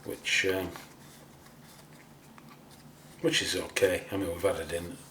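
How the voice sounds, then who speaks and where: A man's voice: deep voice, level tone, normal speed, fairly bright tone. A man giving a casual hands-on tutorial as host, informal and a little hesitant as he thinks aloud. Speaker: host of a scale model painting tutorial. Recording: roomy, distant mic, faint noise.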